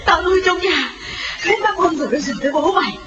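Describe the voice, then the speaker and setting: A man voicing a distraught young mother, in a strained high falsetto that turns to wailing. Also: lively intonation, normal speed. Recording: roomy reverb, faint music, slightly dull.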